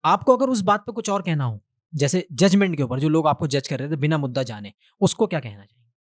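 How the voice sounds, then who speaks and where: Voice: mid-range voice, animated, fairly quick, no room sound, studio quality. A podcast host asking polite, meandering questions and murmuring agreement often. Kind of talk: podcast interview.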